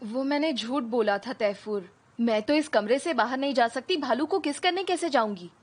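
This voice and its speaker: A woman's voice: sits high, moderate pace. An actress dubbing a restless young woman who scolds and reasons with a lovesick suitor in drama dialogue. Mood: exasperated. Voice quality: scolding, exasperated. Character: restless young woman, exasperated and sharp-tongued. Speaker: dubbed drama lead.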